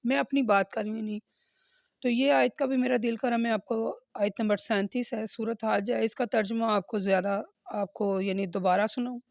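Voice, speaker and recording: A woman's voice: fairly high pitch, steady tone, normal speed, vocal fry, a little mellow, dry recording, clean studio sound. A woman giving a religious lesson in speech, explaining verses earnestly and checking in with listeners with a questioning "hmm?". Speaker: religious teacher. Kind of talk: Quran lesson with commentary.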